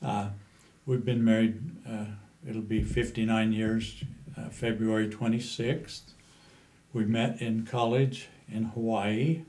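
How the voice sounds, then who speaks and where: A man in his seventies with a Western American accent, reminiscing in an interview in a halting, unhurried way. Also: fairly low pitch, flat delivery, a little mellow. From Utah, USA. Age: 70s. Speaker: interview guest, cowboy poet.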